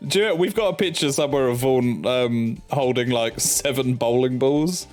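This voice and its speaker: A man's voice: medium pitch, moderate pace, a little mellow, soft background music. A man hosting a let's play in casual, jokey, sweary banter. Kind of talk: casual gaming banter with dramatic dialogue reading.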